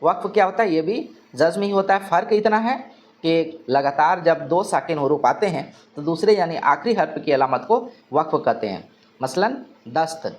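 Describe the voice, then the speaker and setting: High-voiced man teaching a grammar lesson. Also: normal speed. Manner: asks questions and answers them himself, repeats key terms. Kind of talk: exam-prep grammar lesson.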